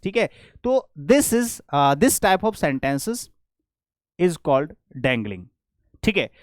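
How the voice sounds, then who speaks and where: A man teaches grammar in a high, clear voice. He explains step by step and repeats his questions back to the class. The recording is dry and close. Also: no room sound. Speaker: English teacher.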